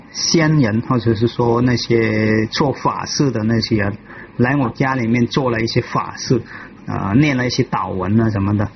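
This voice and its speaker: Halting man telling his story, lo-fi. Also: medium pitch, slight background noise. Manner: halting, with many restarts and repetitions. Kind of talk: personal testimony.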